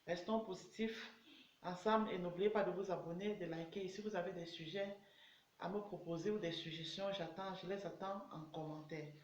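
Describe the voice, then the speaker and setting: A woman's voice: fairly low pitch, fairly even intonation, normal speed, a little hiss or hum. A woman personal development coach giving an earnest motivational talk, repeating her exhortations. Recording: echoey room, dull lo-fi sound.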